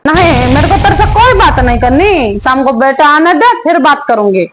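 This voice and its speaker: A woman's voice: sits high, expressive, normal speed, noisy background. A woman voicing a nagging, sarcastic older mother-in-law in a comedy skit, scolding and taunting.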